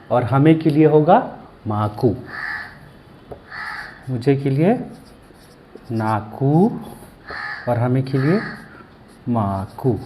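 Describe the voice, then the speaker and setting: A man giving a language lesson, slowly repeating each word and asking and answering his own questions. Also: fairly high pitch, background noise. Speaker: language teacher.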